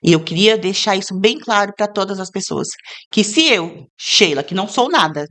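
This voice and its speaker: A woman from Brazil, a guest in a casual interview, telling her story in an earnest, heartfelt way and turning lively when she quotes other people. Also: medium pitch, moderate pace. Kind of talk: casual interview, faith testimony.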